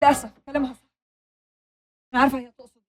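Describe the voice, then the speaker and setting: A woman's voice: high voice, little pitch movement, rapid-fire. An actress playing a woman doctor with an Egyptian accent, reproachful toward a thug and soothing toward a frightened girl. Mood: protective reproach.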